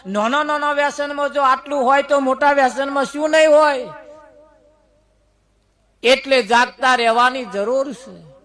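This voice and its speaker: High bright-voiced guy preaching, keeps asking the crowd questions. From Gujarat. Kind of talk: folksy moral sermon with stories.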